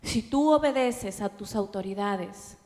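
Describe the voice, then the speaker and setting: A middle-aged woman pastor with an Ecuadorian Spanish accent preaches an emotional sermon testimony in a conference auditorium. Her medium-pitched voice is slow and shifts dramatically from hushed to loud. A long hall reverb colors the recording.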